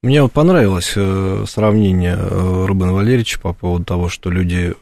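A man's voice: low voice, a little fast, gravelly, mellow, no room sound. A man, a lawyer, speaking as a radio studio guest in a rambling, hedging way. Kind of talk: radio discussion. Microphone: studio microphone.

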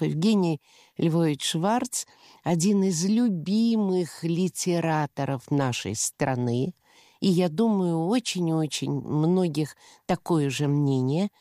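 A woman hosting a radio programme in a measured, cordial way at a studio mic. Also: on the low side, mellow, no room sound. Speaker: radio host.

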